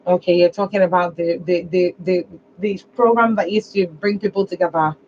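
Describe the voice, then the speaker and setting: A woman's voice: fairly low pitch, steady tone, moderate pace. A woman with a Nigerian accent hosting a conversational phone-in advice show on the radio. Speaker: radio call-in show host. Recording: dull lo-fi broadcast with noise.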